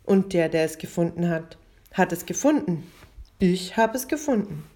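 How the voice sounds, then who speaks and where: A woman's voice: lowish voice, animated, moderate pace, dark tone, lightly acted. A woman voicing a poor, stubborn young boy who protests and pleads in a storybook reading.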